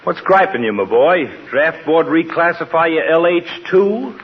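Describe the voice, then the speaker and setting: An actor playing a gruff, wisecracking family doctor in a 1940s radio comedy, trading insults with pompous bluster. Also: male voice, a little high, lively intonation, moderate pace, lightly acted. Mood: sardonic, jovial. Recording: muffled, noisy 1940s radio recording.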